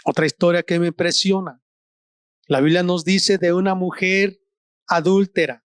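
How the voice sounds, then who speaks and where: A man preaching a sermon as pastor in a church service streamed online. He speaks in short, deliberate phrases with long pauses, lifting his voice for emphasis and sinking low and soft on solemn words. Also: fairly even intonation, smooth, dry recording, clean studio sound.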